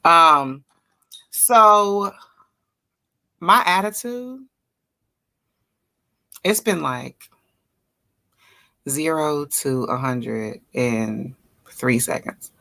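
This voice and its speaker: A middle-aged woman telling stories in a casual chat, animated and quick to laugh. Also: low-pitched, vocal fry.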